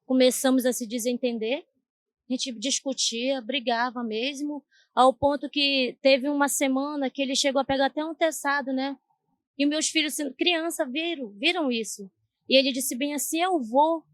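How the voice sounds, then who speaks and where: A woman tells her story in an earnest testimony, her voice sitting high. The sound is dry and close, with no room around her. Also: fairly even intonation, moderate pace, no echo. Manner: earnest, repeatedly addressing the pastor. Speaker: interviewee giving a church testimony. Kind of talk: emotional personal testimony.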